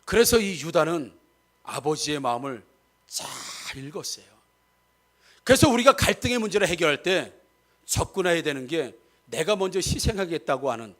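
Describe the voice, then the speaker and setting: Man, pastor, church sermon, high-pitched, very animated intonation, emphatic, addresses congregation. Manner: emphatic, rising to near-shouts when acting out arguments; addresses the congregation directly, asking questions.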